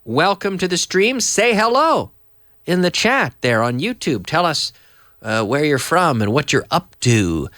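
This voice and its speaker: A hoarse man who is coming down with a cold hosts a live online English lesson as a teacher and live-stream host. His pitch is lively, and he chats, reads viewer messages aloud and explains slowly. The audio is studio quality with no room sound.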